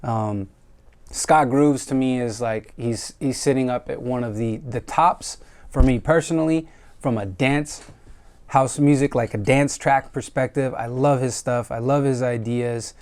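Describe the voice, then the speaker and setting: Host: American man, casual music reviewer, smooth clear voice, relaxed and reflective delivery, lots of fillers. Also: mid-range voice, a little slow. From United States.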